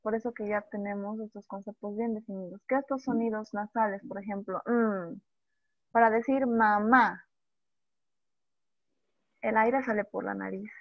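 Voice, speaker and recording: A woman teacher giving an online language lesson, who sounds out speech sounds slowly and repeats examples. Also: medium pitch, fairly even intonation, dry recording. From Bolivia. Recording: dull dry lo-fi audio.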